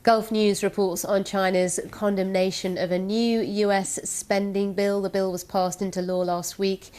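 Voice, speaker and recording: Woman co-anchor with an even read. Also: mid-range voice, unhurried. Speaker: co-presenter reviewing papers. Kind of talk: broadcast news reading. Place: TV news studio.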